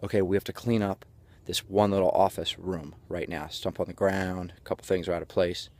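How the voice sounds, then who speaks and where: Low-pitched man giving a breathless pep speech. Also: fairly even intonation, a little fast, darkish tone. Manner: breathless from exertion while walking; folksy, jokey self-narration in the third person. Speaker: motivational coach. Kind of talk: halftime pep speech to camera.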